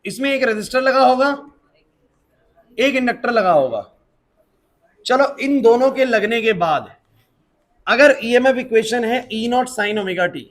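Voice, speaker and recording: Brief: male physics tutor, high voice, drills the class with rapid-fire questions and answers, technical terms in English. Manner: drills students with quick questions and answers them himself; mixes English technical terms into his talk. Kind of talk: classroom lecture. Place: classroom with students.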